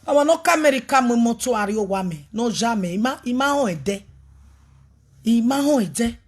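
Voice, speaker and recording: In a fairly quick, high-leaning voice with lively intonation, a woman ministry leader speaks on a live video. The talk is animated, preachy and emphatic, and she mixes pidgin, English and a local language.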